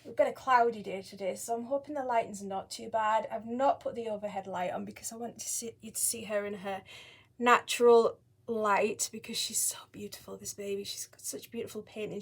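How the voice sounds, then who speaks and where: A woman's voice: medium pitch, husky. A woman chatting casually to viewers in a rambling, apologetic home vlog, recorded indoors on a tripod camera. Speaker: doll collector vlogger, channel host. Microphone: camera on a tripod at a short distance.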